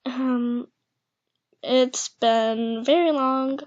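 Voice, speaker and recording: A young woman with a light lisp and a high, youthful voice talks slowly and quietly, stopping often with "um" and "like" as she chats shyly to her viewers. She keeps her voice down at home, and the recording sounds dull and lo-fi. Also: steady tone. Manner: awkward, hesitant, speaking quietly to keep her voice down. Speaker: channel host. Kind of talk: casual vlog chat. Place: echoey house, indoors.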